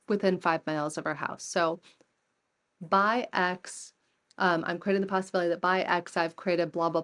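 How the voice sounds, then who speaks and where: Lively woman in her forties telling stories. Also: lowish voice. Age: 40s. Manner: lively storyteller who acts out quoted dialogue. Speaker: podcast guest, entrepreneur and coach. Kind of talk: conversational interview storytelling.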